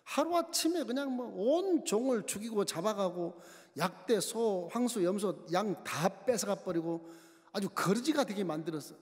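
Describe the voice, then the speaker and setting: A man's voice: high voice, animated, moderate pace. A man preaching a sermon as pastor, telling the story animatedly and acting out its dialogue. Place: church sanctuary. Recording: long church hall reverb.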